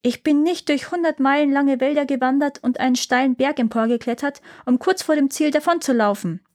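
A woman's voice: high voice, fairly quick, darkish tone, voice pushed up, lightly acted. A brave, kind young girl from a storybook speaks earnestly and politely, as a woman reading the tale puts her on. Her voice rises well above the reader's own. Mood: determined.

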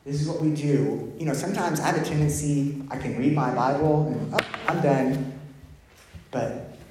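A man's voice: on the high side, fairly quick, mellow. A man pastor giving a conversational sermon, teaching step by step and asking his listeners questions. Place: church sanctuary. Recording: echoey room with faint background noise.

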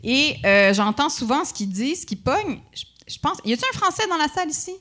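Une femme du Québec, invitée humoriste, à l'accent québécois teinté de français de Paris, qui parle de façon vive et taquine dans une conversation de balado décontractée. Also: female voice, high-pitched, fast. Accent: Quebec French, with a partly Parisian French tinge. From Quebec. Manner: lively, playful, teasing jokes and mock outrage. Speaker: podcast guest, comedian. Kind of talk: casual podcast conversation.

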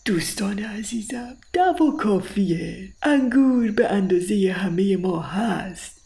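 A woman voicing a wise old male mouse who calms quarrelling friends, with a gravelly edge, in a storybook reading. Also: mid-range voice. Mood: soothing. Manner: calm, fatherly, pleading for peace.

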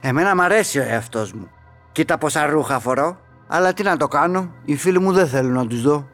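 A man's voice: fairly high pitch, lively intonation, fairly bright tone, soft background music. A man voicing a shy, sad little onion in a children's audio story, talking timidly and plaintively.

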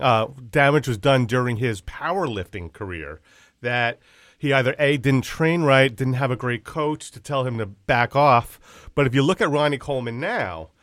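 A man's voice: medium pitch, lively intonation, a little slow, fairly bright tone, no room sound, clean studio sound. A man co-hosting a podcast, casual and blunt, swearing and breaking in with tangents. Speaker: podcast co-host.

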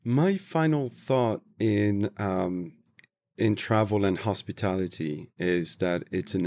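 A man from Tunisia, a travel industry guest, giving thoughtful interview answers and searching slowly for his words. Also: sits low, vocal fry, darkish tone, no room sound, studio quality.

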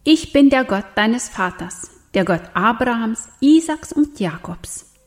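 A woman voicing God as an almighty male figure in a children's Bible story, speaking in solemn, measured commands. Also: fairly high pitch, lively intonation, pitched above the performer's own voice.

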